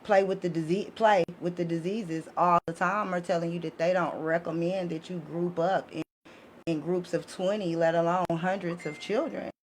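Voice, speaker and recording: On a noisy live podcast, an American woman presents her educational book series, speaking at normal speed with a lowish voice and fairly even intonation. Her explanations are casual and emphatic, and she regularly checks that her audience is keeping up.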